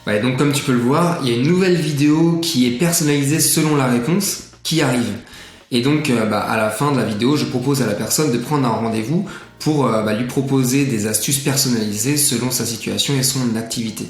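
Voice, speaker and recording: A man's voice: medium pitch, brisk. Chatty man hosting an echoey tutorial. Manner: chatty, many filler sounds. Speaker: tutorial presenter. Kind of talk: casual screen-share tutorial. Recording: echoey room, faint music.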